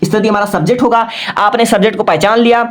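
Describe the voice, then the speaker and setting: A male teacher leads a patient, step-by-step classroom-style lesson, often checking in with "okay" and spelling words out letter by letter. His voice is high-pitched and steady, and he moves at a quick pace.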